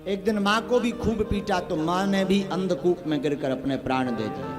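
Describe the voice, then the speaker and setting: A man's voice: high-pitched, normal speed. A male preacher with a north Indian Hindi accent, telling a scripture story in a sing-song way, acting out dialogue and putting questions to the crowd. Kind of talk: devotional sermon with storytelling. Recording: live sermon with instrument music behind. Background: musical instrument accompaniment.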